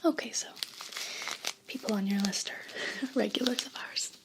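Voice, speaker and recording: A fairly high-pitched woman softly whispers an ASMR role play, playing a herb shop clerk in a breathy voice. Her customer-service patter is gentle, unhurried and attentive, captured on a close binaural mic, with paper crinkling and rustling behind her.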